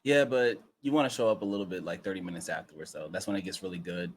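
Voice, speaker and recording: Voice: deep voice, fast, slight background noise. A podcast cohost in casual chat, playful and teasing, laughing often.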